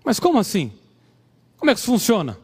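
Brief: an indignant teen girl, shrill and high, scolding, put on by a male preacher, with long reverb. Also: huge pitch swings, quick pace, a little mellow, husky, full character voice. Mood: baffled. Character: indignant teenage girl, spoiled and proud.

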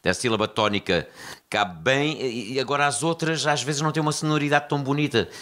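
A man with a European Portuguese accent, a band member chatting casually in an interview and explaining things in an animated way. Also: medium pitch, brisk.

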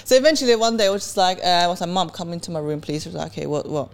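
A young woman from Sweden telling a personal story in casual podcast chat, animated and laughing often. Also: on the low side, racing, gravelly. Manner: animated, laughs often, acts out quoted dialogue. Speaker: podcast co-host.

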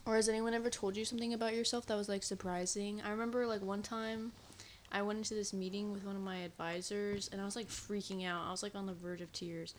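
A woman's voice: mid-range voice, little pitch movement, fast talker, slight background noise. A young woman co-hosting a casual podcast chat, telling anecdotes with lots of "like". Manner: chatty storytelling, heavy use of "like". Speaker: podcast co-host.

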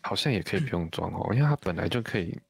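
Deep gravelly man, short replies. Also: animated, racing, dry recording, studio quality. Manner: mostly brief backchannel replies. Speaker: podcast co-host. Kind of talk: casual chat.

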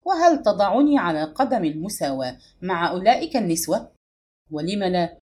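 A woman's voice: lowish voice, sing-song, fairly quick, darkish tone. A woman voicing a haughty young princess who talks coldly and with sarcastic disdain, in an audiobook reading. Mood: scornful.

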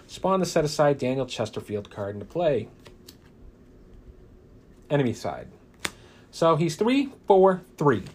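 A man's voice: a little high, very animated, a little mellow, slight background noise. A man playing a card game alone, reading card text dramatically and chatting casually about his play. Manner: casual, halting with fillers, reads flavor text dramatically. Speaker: solo card game player.

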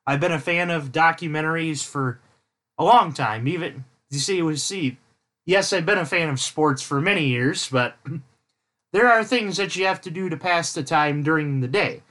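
A man with a high voice hosts a casual podcast, talking in a jokey, rambling way and wandering into tangents. His tone is bright and lively. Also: normal speed. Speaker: podcast host. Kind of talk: casual chat.

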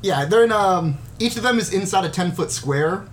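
A man with a high voice for his sex acts as game master. He narrates a tabletop game in a casual, conversational way, with faint noise behind him. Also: expressive, moderate pace.

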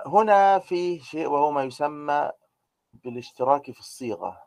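Male grammar teacher, mellow dry voice. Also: medium pitch, no room sound. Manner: explains step by step, with many "aah" fillers and rhetorical questions. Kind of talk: grammar lecture.

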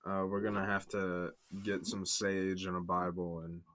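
A laid-back young man co-hosting a podcast, agreeable and quick to laugh. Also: sits low, level tone, fairly bright tone, no echo. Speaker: podcast co-host. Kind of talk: casual chat.

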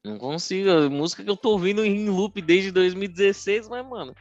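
Young man, Brazilian Portuguese accent, slightly high-pitched, effusive, very slangy, casual podcast chat, faint music behind. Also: a little fast, lo-fi sound.

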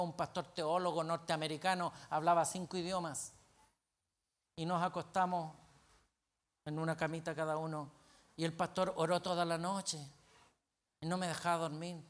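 Male pastor, storytelling sermon, bright and forceful, bursts of loudness. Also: on the high side. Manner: animated, swings from quiet to loud outbursts.

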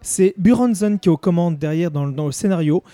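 A man's voice: sits high, a little fast, no room sound. A man, a bookseller on the podcast, telling an anecdote eagerly with many restarts. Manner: animated storytelling with restarts. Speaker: bookseller, co-host. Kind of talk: casual podcast chat.

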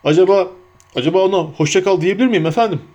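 A man voicing a huge, bearded, gentle giant who speaks dutifully and breaks into sobbing stammers. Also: high-pitched, quick pace, muffled recording, pitched above the performer's own voice. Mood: tearful.

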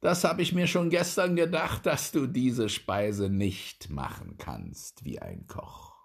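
Sly sneering fairy-tale guest, a man putting him on, slow and knowing, husky. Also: mid-range voice, big pitch swings, exaggerated voice. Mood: mocking. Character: sly mocking foreign guest, older man.

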